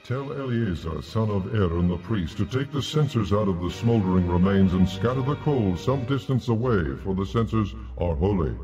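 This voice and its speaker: An actor voicing God as a solemn divine male presence, with grave, measured pronouncements and faint music behind. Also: lowish voice, dark tone, lightly acted. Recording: muffled lo-fi sound.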